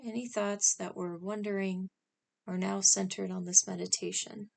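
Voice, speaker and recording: Speaking at a normal speed, a woman with a gravelly, mid-range voice leads a scripted guided meditation. Her manner is calm and instructional, broken into short phrases with space between them.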